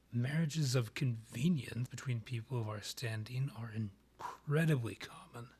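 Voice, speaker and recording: In a romantic roleplay audio drama, a man plays a haughty vampire monarch, a proud rival and ex-lover, speaking in formal, measured, archly condescending phrases. His medium-pitched voice is a little mellow and slightly rough, and his mood is earnest and insistent.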